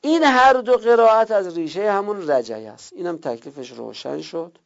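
Gravelly man teaching slowly, lo-fi. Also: high voice, animated. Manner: slow drawn-out repetition of terms; explains step by step, checks students' notes. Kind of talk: classroom lesson on Arabic word roots.

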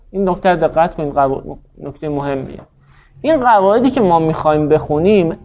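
A man's voice: sits high, highs cut off. A male teacher giving a classroom lecture. He explains step by step and asks questions that he then answers himself. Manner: explanatory, poses and answers his own questions.

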